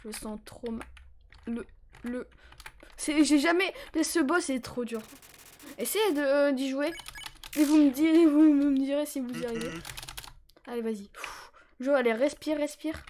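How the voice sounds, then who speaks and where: A woman streaming a game live on a headset, chatting with viewers in a joking, excitable way with sudden yelps. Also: high voice, measured pace, long pauses, slight background noise. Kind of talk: casual live-stream chat while gaming.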